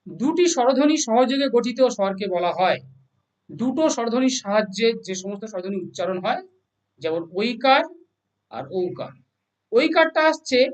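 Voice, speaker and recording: A teacher leads an exam-prep grammar lesson at an unhurried, patient pace. Questions are posed and then answered, and every definition is repeated slowly. The voice sits at an ordinary middle pitch and is picked up from a little distance, so it sounds slightly removed. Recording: voice a little far from the mic.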